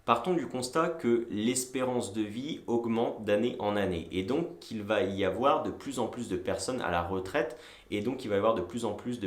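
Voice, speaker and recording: A man in his twenties from France, casually explaining to the viewer straight on, with frequent hesitations. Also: fairly low pitch. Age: 20s. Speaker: entrepreneur and video host. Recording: echoey room.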